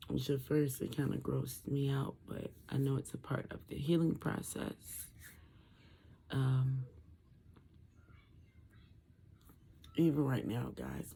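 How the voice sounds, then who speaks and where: A tired, medicated twenty-nine-year-old with a sore, muffled, thick voice from a swollen throat after tonsil surgery, talking casually and haltingly to camera. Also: medium pitch, animated, vocal fry, dark tone, a little hiss or hum. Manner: halting, rambling. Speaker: vlogger sharing surgery recovery. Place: room at home.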